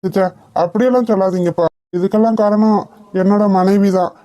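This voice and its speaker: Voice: mid-range voice, fairly even intonation, brisk, mellow, dry recording, close to an everyday voice. A voice actor doing a humble, kindly husband. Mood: reassuring. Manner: modest, reassuring. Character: humble, good-hearted husband, modest and kindly. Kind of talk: cartoon voice acting.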